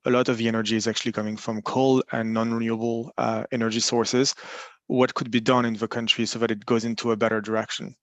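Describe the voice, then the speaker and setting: A man's voice: medium pitch, no room sound. Hesitant man on a video call. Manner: hesitant, many restarts and fillers. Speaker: panelist joining remotely. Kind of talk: panel discussion remarks.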